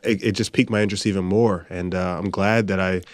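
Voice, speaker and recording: A man's voice: deep voice, steady tone, fast talker, no echo. A young man from the Bahamas, a new doctor, giving earnest, articulate interview answers. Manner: earnest and articulate, some restarts. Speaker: guest, new medical doctor.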